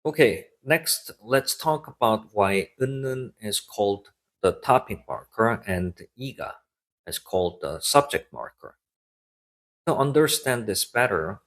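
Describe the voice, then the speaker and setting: In a clear, scripted online lesson, a young man whose native language is Korean teaches in English and offers Korean example sentences. His voice sits on the low side with a fairly bright tone.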